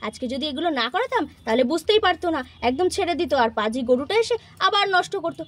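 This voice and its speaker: A woman's voice: very high voice, very animated, fast talker, fairly bright tone, exaggerated voice. A woman voicing a scolding village mother. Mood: satisfied. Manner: scolding, insistent, repeats words. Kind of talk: toy-house puppet play.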